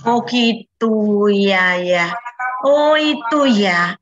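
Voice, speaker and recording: A woman's voice: mid-range voice, animated, very slow, dull audio, soft background music. A woman leading a children's Bible lesson over a video call, patiently coaxing the kids with questions. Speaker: children's Sunday school teacher.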